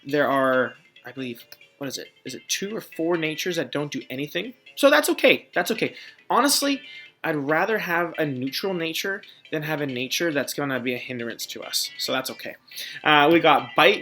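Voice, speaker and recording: A young woman hosting a let's play with a low, animated voice that rises and falls a lot. She talks in a chatty, playful way and pokes fun at herself. Faint game music runs underneath. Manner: chatty, playful, self-mocking. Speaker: gaming channel host.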